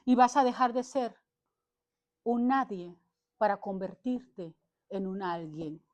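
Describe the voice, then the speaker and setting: A woman with a mid-range, darkish voice preaches slowly and fervently to a church congregation, the service also livestreamed to social media. She exhorts her listeners, driving every point home and punctuating her phrases with "amén".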